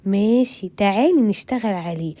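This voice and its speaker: Kind Egyptian grandmother, read by a woman, warm-toned and gentle. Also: mid-range voice, lively intonation, moderate pace, dry recording, natural voice.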